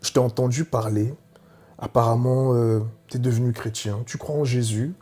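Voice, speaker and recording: A man's voice: mid-range voice, fairly even intonation, normal speed, warm tone, lightly acted. A man doing a sneering giant tempter. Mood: taunting. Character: giant hateful male tempter, contemptuous.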